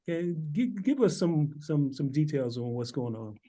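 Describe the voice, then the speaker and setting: A man's voice: on the high side, lively intonation, a little slow, warm tone. A man hosting a casual interview who asks questions and agrees often with short replies. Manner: easygoing, gives frequent short agreements. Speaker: interview host.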